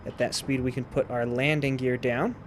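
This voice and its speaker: A man's voice: mid-range voice, steady tone, moderate pace, a little hiss or hum. A man giving casual, step-by-step instructional commentary while he plays a flight simulator. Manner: explains step by step while playing. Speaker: flight sim tutorial presenter.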